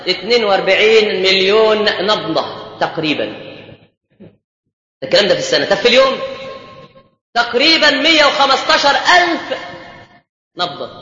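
High, bright Egyptian preacher in echoey hall. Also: male voice, fairly quick, pauses often. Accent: Egyptian Arabic. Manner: animated, rhetorical questions, bantering with listeners. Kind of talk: colloquial mosque sermon. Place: mosque. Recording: echoey dull mosque hall.

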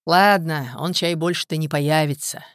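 A woman voicing a calm, stern male village hunter in an audiobook, speaking in a gruff, level, commanding way. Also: low-pitched, moderate pace, no room sound, studio quality, natural voice. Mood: reassuring.

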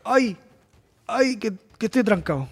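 A man voicing a whiny male talking cannon that begs for help because its nose is blocked, in a high, stuffy, stammering voice. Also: expressive, a little slow, slightly rough, long reverb tail, heavily acted. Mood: whiny pleading.

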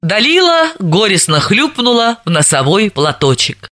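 A woman narrating an audiobook in an expressive, lively way. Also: mid-range voice, measured pace. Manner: lively, acts out dialogue.

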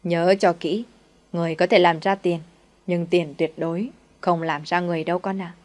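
A woman's voice: fairly low pitch, little pitch movement, moderate pace, darkish tone, lightly acted. A woman voicing a greedy, scornful middle-aged female village shaman who sneers and scolds. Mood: coaxing.

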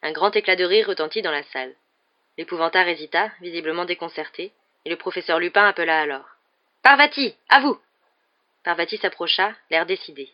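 Woman reading a book out loud, lowish voice, steady, kinda muffled lo-fi. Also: fast talker. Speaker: audiobook reader. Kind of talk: reading a novel aloud. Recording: muffled lo-fi recording.

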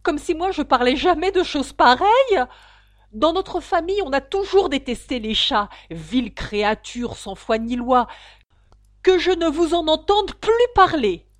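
Woman doing a shrill, furious little mouse. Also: very animated, measured pace. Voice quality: piercing, indignant.

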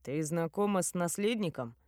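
A woman voicing a laconic half-blood man in an audiobook, speaking offhand and dry, a little lower than her own voice. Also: lively intonation, moderate pace, darkish tone, no room sound, close to an everyday voice. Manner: offhand, understated. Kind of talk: audiobook character voice.

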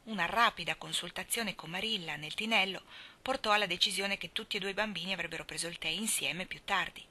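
A woman reading a novel aloud as a storyteller, with an expressive delivery. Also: on the low side, fast talker. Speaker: reader.

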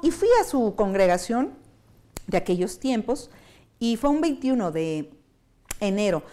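A woman with a mid-range voice and a Mexican accent speaks a little slowly, giving her personal faith testimony as an interviewee. She's animated, acting out dialogue she remembers, while soft music plays in the background.

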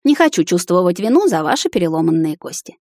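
A woman's voice: on the low side, very animated, fast talker, a little mellow, no room sound, clean studio sound. A woman playing a cheeky young bride. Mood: teasing. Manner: mock-gasping, teasing. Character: cheeky young noble bride, playful and stubborn.

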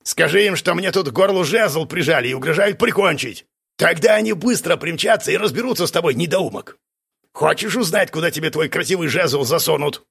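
A man's voice: a little high, lively intonation, fairly quick, gravelly, a bit bright, husky, pitched above the performer's own voice, exaggerated voice. A man voicing a rude, scornful bearded brute in an audiobook, barking insults. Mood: threatening. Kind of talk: audiobook character voice.

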